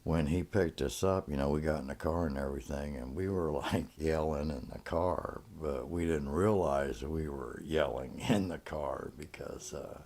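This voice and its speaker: A man's voice: very deep voice, moderate pace, hardly any pauses, a little mellow. A middle-aged man casually telling rambling stories from his past, with lots of fillers and restarts. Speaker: storyteller. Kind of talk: casual spoken reminiscence.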